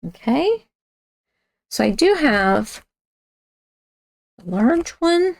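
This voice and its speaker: A woman with a raspy voice, chatting casually as she demonstrates a card-making craft and talks while she works. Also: high voice, big pitch swings, very slow, no echo. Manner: chatty, talks while working with hands, self-correcting. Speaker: craft instructor.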